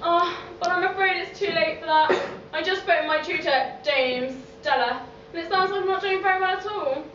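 A woman's voice: very high-pitched, moderate pace, a bit bright. A woman playing an earnest, hapless young Victorian male student in a stage pantomime, declaiming naively. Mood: earnest, forlorn. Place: on stage in a theatre hall. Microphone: distant camera in the audience. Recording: echoey theatre, distant camera, dull, noisy.

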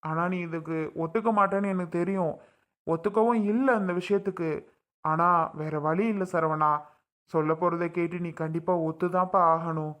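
A man's voice: a little high, steady tone, moderate pace, fairly bright tone, lightly acted. A man playing an older father-in-law who coaxes and insists, repeating his pleas, in a family drama skit. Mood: coaxing.

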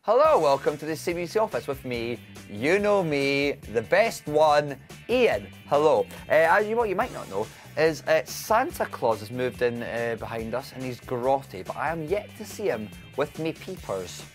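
Twenties male continuity host, animated pitch, playful mock-formal patter, soft music underneath. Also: moderate pace, hardly any pauses. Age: 20s. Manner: jokey, mock-formal wording. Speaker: children's TV continuity presenter. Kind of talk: playful scripted banter with a puppet. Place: small decorated TV studio, at a desk.

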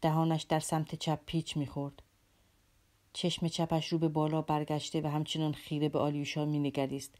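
A woman narrating a classic novel as an audiobook, measured and dramatic. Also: sits low, little pitch movement, a little mellow. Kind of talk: scripted literary narration.

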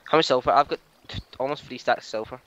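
A man giving casual gameplay commentary, excitable, teasing and swearing as he plays. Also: medium pitch, fast talker, muffled recording. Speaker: gamer.

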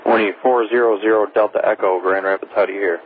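Casting: male approach controller, flat intonation, formal radio calls on a narrowband channel. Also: fairly low pitch, fast, slightly rough, dry recording. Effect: radio transmission. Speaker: air traffic controller. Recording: tinny narrowband radio with faint static.

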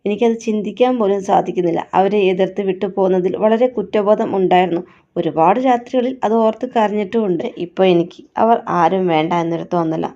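A woman's voice: medium pitch, quick pace, mellow, natural voice. A woman voicing a defiant young woman who feels betrayed by her family, emotional and reproachful, on a dull lo-fi recording. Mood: sad.

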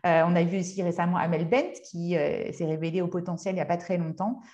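A woman in her thirties, a hypnotherapist, giving a motivational workshop talk in a conversational, halting way as she searches for words. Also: lowish voice, fairly even intonation, dark tone, dull audio. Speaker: speaker and hypnotherapist.

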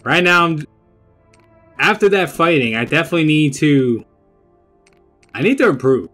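A man's voice: a little high, sing-song, normal speed, fairly bright tone. A young man giving casual, rambling gameplay commentary, often repeating his phrases. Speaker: gamer, video host. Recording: game music under the voice.

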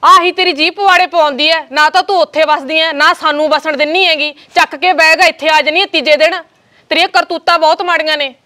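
A woman plays a scolding, sarcastic sister-in-law with a Punjabi accent in a web drama. She talks quickly in a high, bright voice. Her taunts come out sharp. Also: steady tone. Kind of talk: Punjabi web-series acting.

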